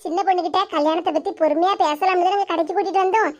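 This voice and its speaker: A woman with a Tirunelveli Tamil accent voicing the chatty, teasing older women of an animated cartoon. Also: very high voice, very fast, muffled recording.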